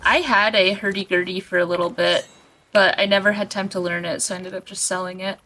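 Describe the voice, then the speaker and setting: A woman's voice: mid-range voice, steady tone, brisk, pushed and bright, rough recording. A woman chatting casually and offhandedly with friends while gaming. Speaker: co-streamer.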